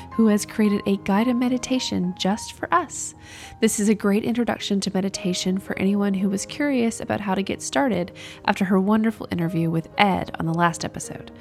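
A woman's voice: medium pitch, darkish tone. A woman hosting a podcast, reading a welcoming scripted introduction. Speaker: podcast host.

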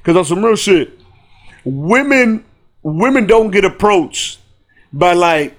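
A high-pitched man chats on a podcast in a casual, streetwise way. He tells stories in heavy slang and keeps coming back to the same tags. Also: animated, slow. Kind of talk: casual chat, storytelling.

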